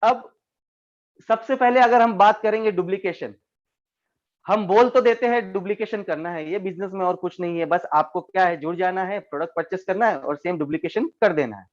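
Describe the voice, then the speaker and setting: A man's voice: sits high, brisk, lo-fi sound. A man giving an online sales training talk, explaining step by step and often addressing his listeners as friends. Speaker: network marketing trainer.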